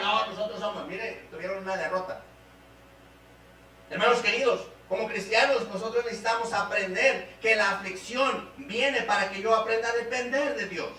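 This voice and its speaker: A male guest pastor with a Mexican Spanish accent delivers a sermon, his high and bright voice surging loud and then sinking low and quiet. He sounds set back from the microphone in a very echoey church hall, with a faint hum underneath. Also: distant mic. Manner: preaching with big swings in pitch and loudness, dropping low and soft in prayer.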